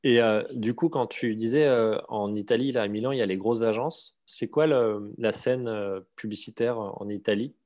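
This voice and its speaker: A man's voice: lowish voice, moderate pace, hardly any pauses, a little mellow. A man interviewing a guest informally, asking probing questions with fillers and restarts. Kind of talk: casual conversational interview.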